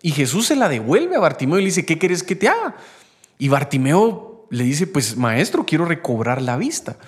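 A man's voice: a little high, big pitch swings, normal speed, breathy edge. A young man, talking animatedly about faith and acting out the voices he quotes. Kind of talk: faith-based conversational talk.

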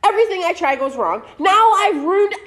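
Woman plays a panicky, self-dramatizing church cleaning head, high and animated. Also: normal speed. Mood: frantic. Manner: frantic, melodramatic. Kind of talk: amateur church skit.

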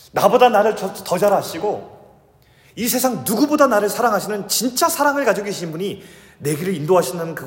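A man in his thirties preaching a sermon as pastor, shifting between urgent raised delivery and soft, hushed storytelling. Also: high voice. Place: church sanctuary. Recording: echoey hall with long reverb.

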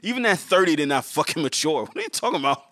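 Blunt, sarcastic man with bright tone. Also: a little high, sing-song, quick pace, no room sound. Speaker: podcast co-host. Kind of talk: casual podcast chat.

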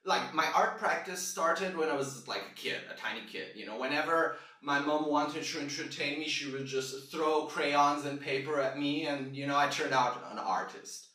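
A Brazilian man in his thirties hosts a casual podcast monologue, rambling loosely and poking fun at himself. His voice is fairly high, bright and forceful. The recording sounds echoey, with a distant mic and music playing behind him.

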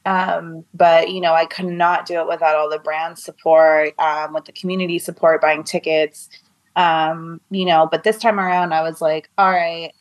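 A woman's voice: low voice, little pitch movement, moderate pace, poor audio. Chatty upbeat woman from San Diego. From San Diego, USA. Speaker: guest, event organizer. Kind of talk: casual interview chat.

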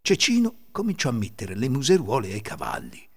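A man reading a folk tale aloud, expressive and animated. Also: mid-range voice, fairly quick, vocal fry, husky. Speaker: storyteller.

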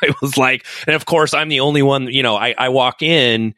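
A man's voice: mid-range voice, moderate pace, pushed and bright, no echo. A man hosting a casual podcast interview, chatty and upbeat with many fillers and restarts. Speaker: podcast host.

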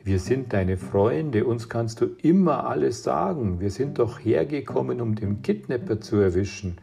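A man's voice: medium pitch, lively intonation, normal speed, gravelly, warm tone. A man reading aloud as a teenage boy who leads his friends, urging and reassuring.

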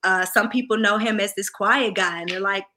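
A woman with a Southern US accent chatting casually in a goofy, loud, down-home country way. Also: mid-range voice, steady tone, normal speed, a little hiss or hum. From Southern United States. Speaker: musician guest. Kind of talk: casual chat.

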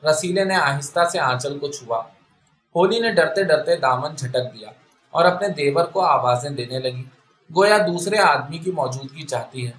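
A man narrating a literary short story in a steady, measured reading style. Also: a little high. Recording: echoey room.

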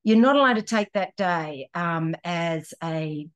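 A woman's voice: lowish voice, animated, measured pace, clear, resonant tone. An Australian woman hosting a podcast, chatting casually and upbeat, with easy laughs and plenty of fillers, in a cabin. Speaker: podcast host and running coach. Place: indoors in a cabin.

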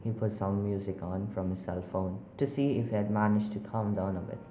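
A man narrating a spooky story in a measured, unhurried way with small slips. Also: on the low side, flat delivery, warm tone, slight background noise. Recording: roomy echo.

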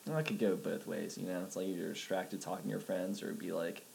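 Gravelly, low-voiced young man chatting. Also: little pitch movement, fast talker, darkish tone. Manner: laughs often, says "like" a lot. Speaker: podcast guest. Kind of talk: casual chat.

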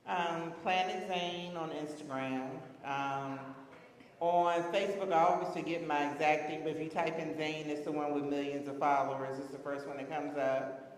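A woman guest answering interview questions casually and candidly, often pausing with "um" and laughing. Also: low voice, fairly even intonation. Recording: echoey room.

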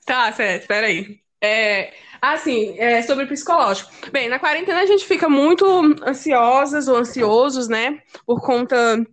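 A woman's voice: fairly high pitch, measured pace, hardly any pauses, a bit bright. A woman co-hosting a casual podcast chat, talking hesitantly with stammers and fillers. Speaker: podcast co-host.

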